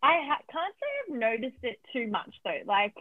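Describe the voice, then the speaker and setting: A woman's voice: on the high side, huge pitch swings, moderate pace, dry recording. A woman, an oral health therapist, answering interview questions in a chatty way with plenty of fillers, heard over a remote call. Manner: chatty, laughs easily, frequent fillers. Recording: tinny phone-line sound, dry.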